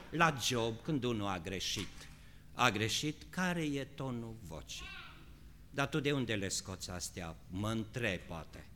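A male pastor preaching a sermon, moving between shouted, drawn-out high passages and quiet, conversational questions. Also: slight background noise.

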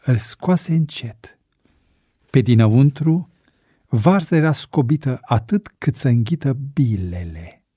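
A man reading a story aloud with expressive narration. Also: medium pitch, breathy edge, dry recording, studio quality. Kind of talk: audiobook narration.

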